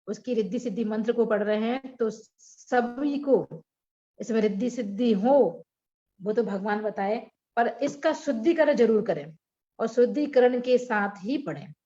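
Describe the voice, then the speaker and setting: Woman host of a devotional session, somewhat high voice, brisk, lo-fi dull audio. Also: darkish tone.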